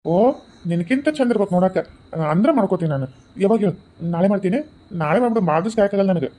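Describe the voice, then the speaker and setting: A man's voice: sits high, animated, racing, warm tone, poor audio. A man voicing a teasing, doting husband. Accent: North Karnataka Kannada. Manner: teasing, affectionate. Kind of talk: cartoon voice acting.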